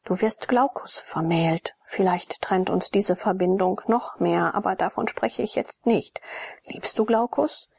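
A woman's voice: mid-range voice, measured pace, gravelly, darkish tone, breathy edge. A woman voicing a troubled young priest, half-whispered and earnest, in an audiobook reading.

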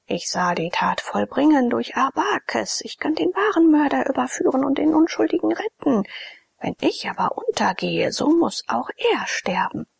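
A woman's voice: high voice, big pitch swings, normal speed, vocal fry, pitched above the performer's own voice, heavily acted. A woman voicing a desperate male priest locked in a cellar, pleading and then swearing revenge. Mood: vengeful.

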